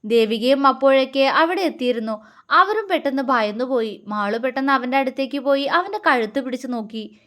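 Expressive woman storyteller with a high voice. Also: a little fast. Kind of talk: scripted narration of a family love story.

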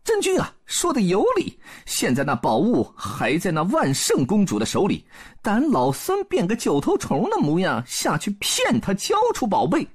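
A man voicing a boastful, clever male monkey king in a lively, high-pitched way. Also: normal speed, slightly rough, exaggerated voice. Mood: scheming.

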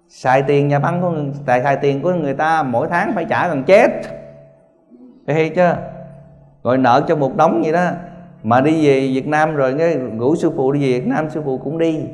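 A man giving a sermon to meditation students, telling stories in an animated way, laughing often and asking his listeners again and again whether they see. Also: mid-range voice. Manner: storytelling, animated, laughing, repeated rhetorical questions. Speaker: spiritual teacher. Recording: long hall reverb, faint music.

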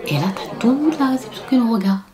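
A woman's voice: fairly high pitch, fairly quick, crowd noise. A woman vlogger telling a story in a casual storytime style, acting out the people she quotes and dropping to whispers for asides. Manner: animated, acts out quoted voices, drops to whispered asides.

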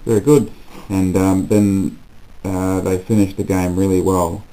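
A man prompting a co-host through a match review with brisk questions and scores. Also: deep voice, level tone, dark tone, poor audio. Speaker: co-host interviewer. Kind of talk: casual post-match review.

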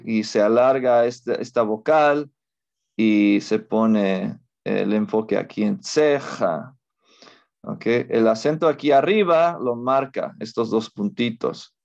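A man's voice: medium pitch, takes it slowly, creaky, darkish tone, highs cut off. A male teacher giving a language lesson, explaining patiently and checking in with his students often.

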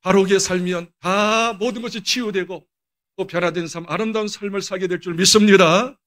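Older male pastor, higher-pitched voice, storytelling sermon with dramatic bursts. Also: steady tone, normal speed. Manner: storytelling, acts out quoted dialogue with sudden loud bursts. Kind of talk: sermon with personal stories.

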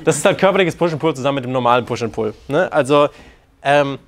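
A man giving casual dating advice, animated and crude, acting out quoted lines and joking frankly. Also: mid-range voice, fast talker. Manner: animated, acts out quoted lines in put-on voices. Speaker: dating coach. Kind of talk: casual coaching talk.

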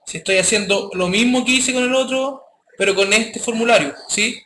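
Man, programming teacher, high bright voice, echoey classroom. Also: moderate pace. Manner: casual, addresses students directly with frequent checks. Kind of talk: live classroom coding lesson. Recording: echoey classroom with faint noise.

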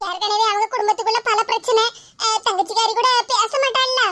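Woman doing elderly cartoon grandmother, Tirunelveli Tamil accent, very high thin voice, plaintive and hesitant, noisy recording. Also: fast. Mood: pitying. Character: elderly village grandmother, worried, soft-hearted.

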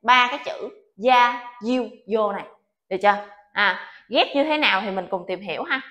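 A woman's voice: on the high side, moderate pace, fairly bright tone. A woman teaching an online Japanese alphabet lesson, patient and coaxing, often checking that her students follow. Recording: echoey room.

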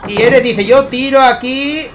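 A man with a Spain Spanish accent, hosting his channel and commentating a tournament match, excitable and constantly checking in with his viewers. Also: very high-pitched, a little slow, music in the background. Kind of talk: gameplay commentary.

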